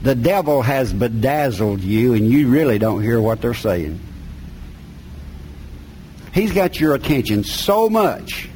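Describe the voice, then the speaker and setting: A man's voice: medium pitch, very animated, slow pace, pauses often, darkish tone, a little hiss or hum, low-quality recording. A middle-aged man from the North Carolina mountains with an Appalachian accent, preaching a sermon and reading scripture in a folksy, plain-spoken way with colloquial grammar. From mountains of North Carolina, USA.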